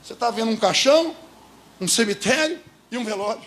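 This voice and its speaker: A man's voice: very high voice, expressive, fairly quick, fairly bright tone. A man with a Brazilian Portuguese accent preaching a sermon as pastor in a church, emphatic and often asking the congregation rhetorical questions.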